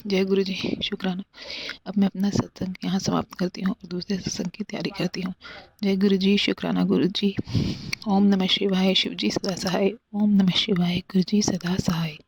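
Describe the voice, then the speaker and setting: A woman devotee offering a soft, pleading prayer as part of a devotional testimony. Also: mid-range voice, little pitch movement, normal speed, creaky, a little hiss or hum. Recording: dull, dry lo-fi recording.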